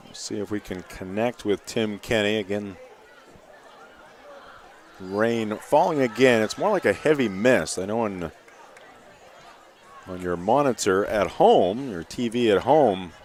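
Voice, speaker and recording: A man calling live high school football play-by-play in short running phrases. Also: unhurried, long pauses, a little mellow, some chatter behind, a little hiss or hum. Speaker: play-by-play announcer.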